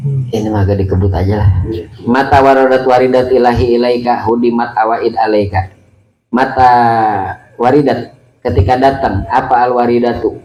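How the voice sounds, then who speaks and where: A man's voice: medium pitch, fairly even intonation, normal speed, long pauses, darkish tone. Man teaching a casual sermon, roomy hall. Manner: colloquial, explains Arabic phrase by phrase, laughs often. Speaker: religious teacher. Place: mosque study gathering. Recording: roomy hall with faint ambience.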